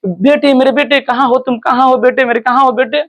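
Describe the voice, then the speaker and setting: A grieving village mother from a storybook lesson, wailing and pleading in a high voice, as a man teacher reads her part. Her lines come out loud and raw with grief. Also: fairly even intonation, brisk, muffled recording. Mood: frantic.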